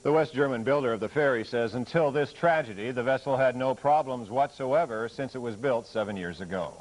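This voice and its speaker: A male TV anchor reads the news in a measured, formal way. His voice sits in a mid register. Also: mid-range voice, slight background noise, poor audio. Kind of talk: TV news reading. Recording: off-air 1980s TV tape.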